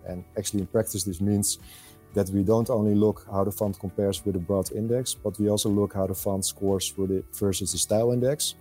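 A middle-aged Dutch man speaks in a low, mellow voice, talking through his work as a podcast guest. He is measured and hesitant, often pausing on "uh" between thoughts. Faint music sits underneath. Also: steady tone, breathy edge. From Netherlands. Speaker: podcast guest, fund selector. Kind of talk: conversational interview answers.

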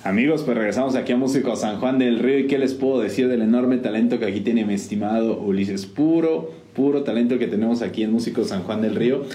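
Mexican man, interview host, warm dark voice, roomy sound, faint hiss. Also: mid-range voice, fast talker, few pauses. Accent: Mexican Spanish. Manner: friendly, short backchannel replies. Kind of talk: casual interview.

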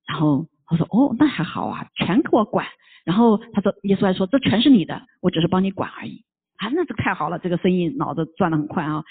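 A preacher telling a parable in a sermon, acting out knocks and fights with sound effects and asking the listeners rhetorical questions again and again. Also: medium pitch. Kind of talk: storytelling sermon. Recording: tinny phone-like recording.

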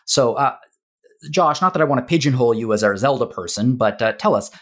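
A man's voice: medium pitch, lively intonation, fairly quick. A man hosting a podcast in casual, rambling chat, recorded in an empty office with bare walls that gives his voice an echo. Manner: rambling, self-deprecating, filler-heavy. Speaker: podcast host. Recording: echoey bare room.

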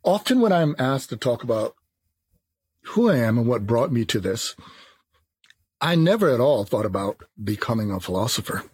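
A man in his fifties, from Jamaica, speaking as a philosopher in a thoughtful, measured interview. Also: medium pitch, very animated, a little mellow, slightly rough, no echo. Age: 50s. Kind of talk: reflective interview talk.

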